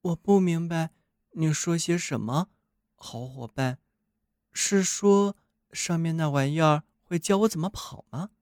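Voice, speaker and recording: A man's voice: fairly high pitch, unhurried, a little mellow, no room sound, clean studio sound, voice pushed up. A man doing a naive, wide-eyed snowman. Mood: puzzled. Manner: wondering, boastful then wistful. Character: naive newly built male snowman.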